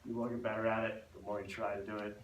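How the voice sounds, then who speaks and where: This instructor speaks quickly in a fairly low voice with little pitch movement and the highs cut off, explaining and demonstrating spinal stability exercises while a bit out of breath. The recording is echoey and distant, with faint noise.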